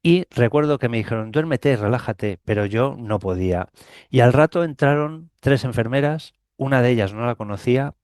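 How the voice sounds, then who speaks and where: A man's voice: mid-range voice, expressive, normal speed, a little mellow, smooth, dry recording, studio quality. A middle-aged Spanish man with a Spanish accent, telling a personal story in an interview and animatedly acting out the dialogue. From Spain. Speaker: guest recounting a near-death experience.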